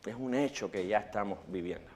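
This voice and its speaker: A man preaching a sermon in church, swinging between loud rhetorical questions and hushed quotations. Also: fairly low pitch, brisk, a little hiss or hum.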